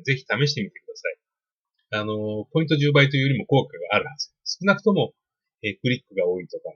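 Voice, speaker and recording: A middle-aged man speaks in a relaxed, polite advice monologue, explaining his points at length with many fillers. His voice is a little husky and sits in an ordinary middle range. The recording sounds dull and lo-fi. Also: mid-range voice. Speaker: podcast host on email marketing. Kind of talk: casual spoken advice monologue.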